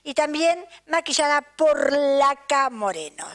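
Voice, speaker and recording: An older woman with an Argentine accent hosts her local TV program in a high, bright voice. She chats effusively to the viewers and keeps tagging her sentences with "¿eh?". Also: expressive, slow pace. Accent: Argentine Spanish. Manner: chatty, effusive, keeps asking "¿eh?". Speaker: TV show host. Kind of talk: casual chat, thanking sponsors to camera. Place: local TV studio.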